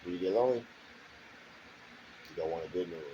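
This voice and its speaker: Deep-voiced man rambling defensively. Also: fast talker, lo-fi sound, noisy background. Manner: defensive, repetitive, keeps asking "you know what I'm saying". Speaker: vlogger. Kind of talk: rambling monologue to camera. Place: garage.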